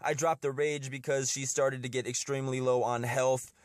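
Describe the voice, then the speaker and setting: A man's voice: mid-range voice, little pitch movement, normal speed, dry recording, studio quality. A man with a slightly stuffy nose from a cold, giving casual gameplay commentary as host of a strategy video and often repeating his words.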